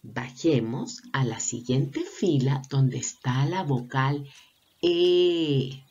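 A woman teacher gently leading a slow vowel lesson for preschool children, asking them questions and praising them. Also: extremely low pitch, animated, breathy edge, muffled recording. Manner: affectionate, encouraging, asks children questions. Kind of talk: slow, sing-song lesson for young children.

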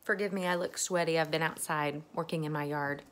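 A woman hosting a children's circle time, chatting and reading a picture book aloud with a sing-song, expressive manner. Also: deep voice, brisk, noisy background. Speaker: teacher, children's host.

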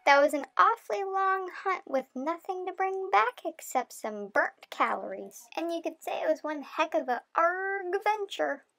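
Heavily acted and barely pausing, a woman's extremely high, gravelly voice bounces with lively intonation at normal speed. She plays a cheerful young dog on a sailboat, narrating a playful scripted vlog with puns and pirate talk over background music.

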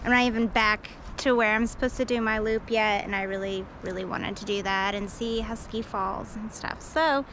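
A woman's voice: medium pitch, steady tone, normal speed, few pauses, fairly bright tone, a little hiss or hum, poor audio. A woman hiking alone and talking to an action camera on a forest trail, rambling with lots of fillers and poking fun at herself. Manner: rambling, self-deprecating, many fillers. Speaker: hiking vlogger. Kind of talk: casual vlog narration while hiking.

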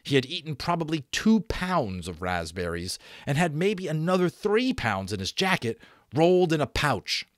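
Narrating an audiobook from a small home room, a man in his thirties uses a fairly high, expressive voice with swooping, animated intonation. Dramatic pauses and stressed repeats land on key words. The recording is close and dry, with no echo, from a desk microphone just in front of him.

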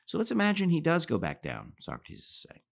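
Reading passages and commenting in a thoughtful lecture style, this middle-aged host of a philosophy podcast speaks a little fast with huge pitch swings and vocal fry. Quotes bring his voice up, while phrase endings fall low.

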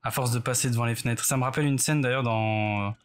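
Guy streaming a horror game, mid-pitched voice, jittery running commentary, pokes fun at himself, talking to himself in his bedroom. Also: fairly even intonation, fast talker, clear, resonant tone. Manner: nervous, self-mocking, rambling to himself. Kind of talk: casual let's play commentary. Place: bedroom at home, indoors.

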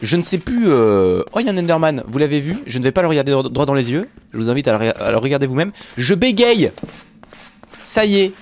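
A man's voice: medium pitch, big pitch swings, fast talker, slight background noise. A man giving casual, jokey commentary over Minecraft play, talking straight to his viewers. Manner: yelps when startled. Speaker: Minecraft YouTuber.

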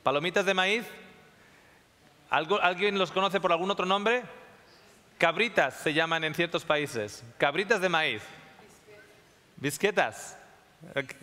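Male lecturer, high, sharp voice, keeps checking in with the audience; long hall reverb. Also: a little slow, pauses often. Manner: checks in often with the audience, repeats phrases. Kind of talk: classroom talk to a live audience.

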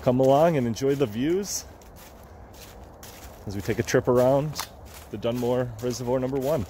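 A man's voice: normal speed, mellow. Chatty man vlogging a lakeside trail walk. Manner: easygoing, chatty, repeats and restarts phrases. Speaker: hiking vlogger. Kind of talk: casual walking commentary to camera. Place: outdoors on a wooded lakeside trail. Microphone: handheld camera or phone held by the walker. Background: faint highway traffic.

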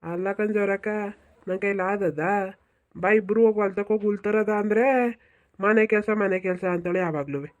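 An impatient middle-aged village husband from a cartoon, as a voice actor plays him, grumbling and hurrying his wife along. His voice sits at an ordinary middle pitch. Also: brisk, natural voice. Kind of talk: comedy cartoon dubbing.

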